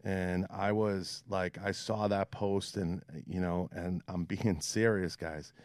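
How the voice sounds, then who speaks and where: Male interviewer, Boston accent, low-pitched and smooth, candid casual chat, closely recorded dry sound. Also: steady tone, slow, darkish tone, no echo. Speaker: podcast interviewer.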